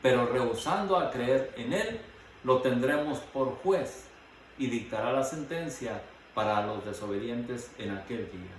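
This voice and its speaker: A man preaching a sermon, reading Bible passages aloud between his own remarks, pausing now and then with short fillers. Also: medium pitch, expressive. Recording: very echoey hall, mic at a distance, faint noise.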